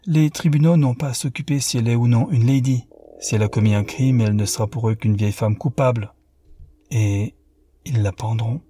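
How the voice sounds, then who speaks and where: A man's voice: mid-range voice, fairly quick, warm tone, slight background noise, natural voice. Man playing a bitter furious rich man. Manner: rising to passionate outbursts. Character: wealthy man, bitter and furious after betrayal.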